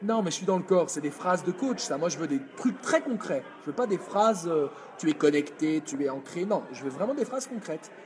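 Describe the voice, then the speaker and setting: A man coaching public speaking in a live video workshop, energetic and demonstrative, answering viewers' comments. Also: a little high, a little fast, hardly any pauses, slight background noise. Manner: energetic, demonstrative, reads chat comments aloud.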